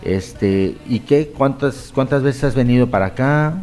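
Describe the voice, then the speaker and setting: A man's voice: mid-range voice, unhurried, darkish tone, soft background music. A man from Mexico with a Mexican accent, in his thirties, hosting a casual interview in a playful, joking way. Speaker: host.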